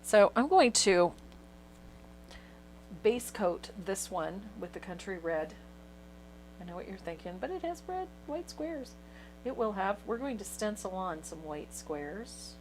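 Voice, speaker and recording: A woman's voice: mid-range voice, a little slow, pauses often, background noise. A chatty woman who laughs easily, teaching a painting tutorial. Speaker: painting instructor.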